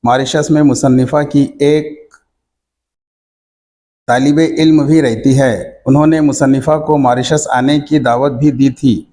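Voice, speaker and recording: Man teacher, measured dictation, mid-pitched voice, reading questions and answers. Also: steady tone, dark tone, a little hiss or hum.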